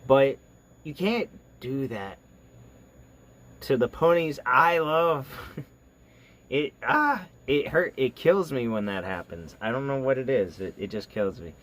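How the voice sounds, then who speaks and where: A man hosting a reaction video, talking casually in a rambling, halting way full of fillers. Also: mid-range voice, a bit bright. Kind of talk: casual chat.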